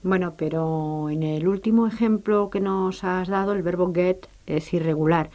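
A woman co-presenting a grammar lesson, asking measured questions that prompt the explanations. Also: lowish voice, fairly even intonation, warm tone. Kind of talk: educational radio lesson.

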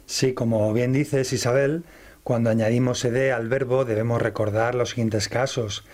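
A man's voice: medium pitch, steady tone, normal speed, a little mellow. A man teaching English grammar in a radio lesson, listing rules in order and reading out word examples one by one.

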